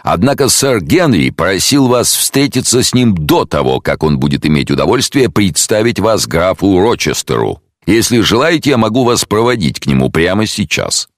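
A man's voice: low voice, sing-song, normal speed, few pauses, no room sound, clean studio sound, pitched above the performer's own voice. A man voicing a deferential manor butler with stiff, formal speech in an audiobook.

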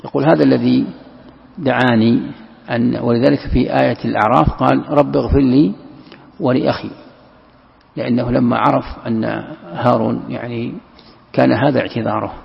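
A man's voice: medium pitch, fairly even intonation, fairly quick, vocal fry, pauses often, slightly rough. A male scholar giving a commentary lesson, explaining and repeating phrases for emphasis. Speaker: Islamic scholar teaching Quran commentary. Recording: lo-fi lecture recording in a reverberant hall.

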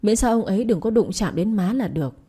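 A woman's voice: medium pitch, animated, brisk, warm tone, breathy edge. A woman voicing a young adult son who speaks earnestly and protectively of his mother. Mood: gentle. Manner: earnest, reproachful.

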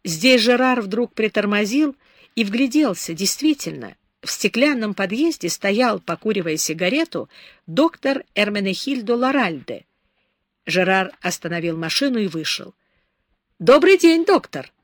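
A woman narrates a novel at a steady, measured pace. Her pitch sits in a middle register. The recording is dry and close, with no room sound. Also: dry recording. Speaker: audiobook narrator. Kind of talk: scripted audiobook narration.

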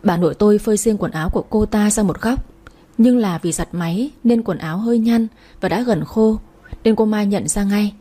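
A woman narrating a story aloud in a steady storytelling manner. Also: mid-range voice, moderate pace.

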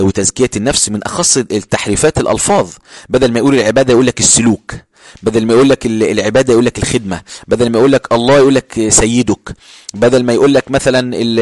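A man's voice: medium pitch, no echo. A man with an Egyptian Arabic accent, a sheikh teaching a classical text, reading passages formally and then explaining them in colloquial speech, with many stammered restarts.

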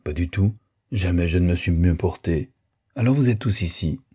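A man reading the lines of a weary middle-aged gentleman in an audiobook, restrained and gently gruff. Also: low voice, normal speed.

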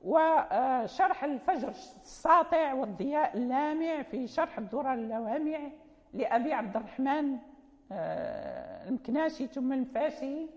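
High-voiced Moroccan woman lecturing. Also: animated, normal speed, a little mellow. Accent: Moroccan Arabic. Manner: explanatory, with fillers and self-corrections. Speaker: teacher of Quran recitation. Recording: muffled sound with long hall reverb.

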